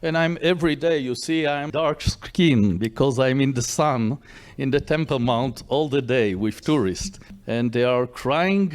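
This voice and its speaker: Man giving a halting history talk. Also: mid-range voice. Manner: halting non-native English with repeated phrases. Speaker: tour guide and lobbyist speaking at an event. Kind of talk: guided history talk to an audience. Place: indoor hotel event.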